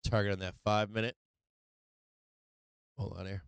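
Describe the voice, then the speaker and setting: A man giving casual live trading commentary as a show host, blunt and profane, often halting and repeating himself. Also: on the low side, little pitch movement, clean tone, no room sound, clean studio sound.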